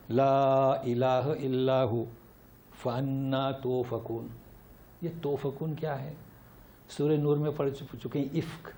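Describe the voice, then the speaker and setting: A middle-aged man giving a Quran commentary lesson, animated, rising and dropping sharply for emphasis, reciting Arabic slowly. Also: mid-range voice. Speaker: Quran teacher. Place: lecture hall.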